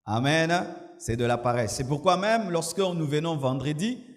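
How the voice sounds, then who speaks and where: Male pastor, fairly high voice, lively sermon delivery, long hall echo. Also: moderate pace. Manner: preaching with shouted mimicry and laughter.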